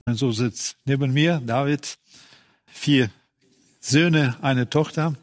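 A man's voice: mid-range voice, takes it slowly. A retired pastor, a man in his sixties, introducing himself in brief, matter-of-fact statements. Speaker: retired pastor, panel guest. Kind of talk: casual panel talk.

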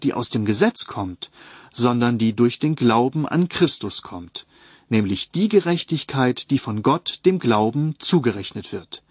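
Ein Mann, der ruhig und gemessen eine Predigt vorliest und dabei Bibelstellen angibt. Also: male voice, medium pitch, husky, no echo, studio quality. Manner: calm, measured, citing verses. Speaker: Bible teacher. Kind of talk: read sermon on a Bible text.

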